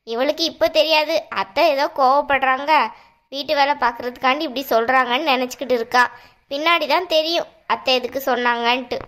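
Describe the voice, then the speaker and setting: A woman plays a stern cartoon mother-in-law with a high voice. She lectures and scolds at length in a firm tone. Under the strictness she quietly cares for her daughter-in-law. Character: stern middle-aged mother-in-law, secretly caring. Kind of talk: cartoon voice acting.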